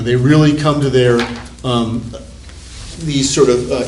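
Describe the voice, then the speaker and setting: A male psychology professor giving a conversational classroom lecture, rambling with restarts and repeated words. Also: mid-range voice. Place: university classroom. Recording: echoey classroom, recorded from a distance, faint room hiss.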